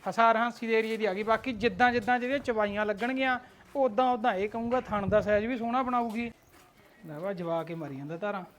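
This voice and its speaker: A man showing buffaloes at a farm, calling out directions in a brisk salesman patter. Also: high-pitched, fairly bright tone, slight background noise. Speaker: livestock dealer vlogger. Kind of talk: on-farm livestock showcase. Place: outdoors at a dairy farm.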